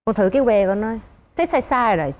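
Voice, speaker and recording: Animated Southern Vietnamese woman storyteller. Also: on the high side, fast, a little hiss or hum. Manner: animated, acts out quoted lines, laughs while telling. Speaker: dating show guest. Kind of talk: storytelling on a TV talk show. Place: TV studio.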